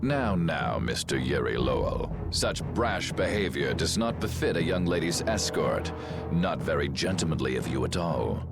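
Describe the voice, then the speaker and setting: A man's voice: a bass voice, expressive, moderate pace, loud music behind the voice. A man voicing a scheming, grandiose aristocratic villain in a video game, speaking in a pompous, mocking way. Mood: gloating. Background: game soundtrack.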